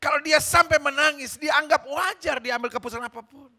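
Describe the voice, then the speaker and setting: A man preaching a sermon in a strikingly high, very bright and ringing voice. He is a middle-aged pastor who drives his points with fervor. His delivery moves between hushed stretches and emphatic, forceful ones. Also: a little fast.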